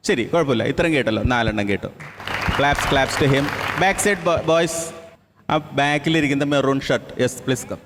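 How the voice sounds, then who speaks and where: A man's voice: medium pitch, a little slow, crowd noise, noisy background. Man leading a camp session in a hall. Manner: repeats each child's answer back, coaxing and encouraging; mixes English phrases into his speech. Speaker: camp trainer. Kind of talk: interactive talk to a children's camp. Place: large indoor hall with an audience. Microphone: handheld microphone. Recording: long reverb of a large hall.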